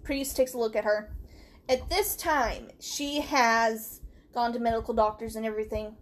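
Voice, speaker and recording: A woman's voice: on the high side, steady tone, normal speed. A woman co-hosting a casual podcast, telling a true story in a chatty way, laughing and acting out quotes. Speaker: podcast co-host.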